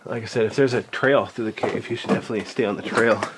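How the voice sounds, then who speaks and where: A man's voice: on the low side, steady tone, quick pace. A man talking casually as a laid-back cave guide, explaining things to viewers as he explores inside a cave. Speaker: caver guiding viewers through a cave. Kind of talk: casual on-the-move vlog narration. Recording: clear noise, clicks, inside a cave.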